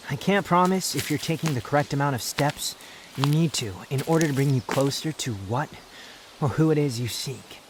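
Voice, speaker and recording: A man playing an aloof, brooding young male wanderer, haughty yet tender, in a measured, pensive roleplay ASMR monologue. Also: a little high, noisy background. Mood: stern reassurance. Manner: measured, pensive, dramatic pauses.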